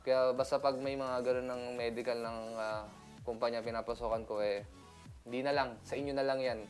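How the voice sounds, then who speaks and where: A man's voice: mid-range voice, a little fast. Filipino guy vlogging about ship jobs, laughs a lot, easygoing mid voice, bit of music under it. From Philippines. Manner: animated, laughs often, mixes in English. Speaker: seaman vlogger. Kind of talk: casual chatty vlog monologue.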